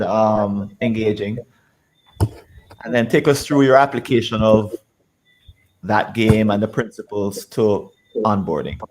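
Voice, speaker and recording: Brisk, encouraging man running a workshop. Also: medium pitch, darkish tone, slight background noise. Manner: brisk, encouraging, often laughing. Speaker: workshop facilitator. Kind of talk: casual online workshop hosting.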